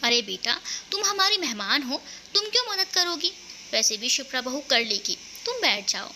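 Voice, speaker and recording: A fond older matriarch who fusses over her guests and gives her daughter-in-law gentle orders, as a woman reads her lines. The voice is bright and clear, sitting a little high. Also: big pitch swings, moderate pace, slight background noise, exaggerated voice. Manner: affectionate, gently commanding. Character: kindly older mother-in-law, warm matriarch.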